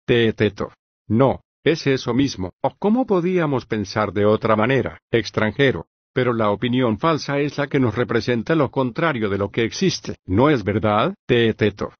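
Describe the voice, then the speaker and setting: Male audiobook narrator, flat, even read, dry close sound. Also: mid-range voice, dry recording, lo-fi sound. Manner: even, measured, reads speaker names and punctuation aloud. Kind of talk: reading a philosophical dialogue aloud.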